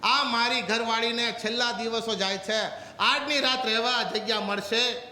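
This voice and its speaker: Man playing a weary traveller, slow, solemn pleading, echoey church. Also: extremely high pitch, fairly even intonation, pushed and bright, exaggerated voice.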